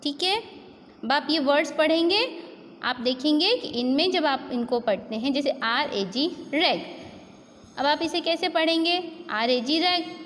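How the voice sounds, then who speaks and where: A woman's voice: high-pitched, expressive, moderate pace, a bit bright, big-room sound, slight background noise. A woman with an Indian accent teaching a kindergarten phonics lesson, patiently spelling out letters and quizzing her pupils. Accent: Indian English.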